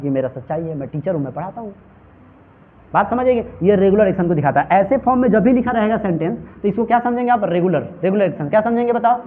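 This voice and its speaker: A man with a high voice runs a classroom grammar lesson at a quick clip, firing questions and repeating the answers. The sound is thin and tinny, like a phone line. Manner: call-and-response drilling, repeating questions to students. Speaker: English teacher.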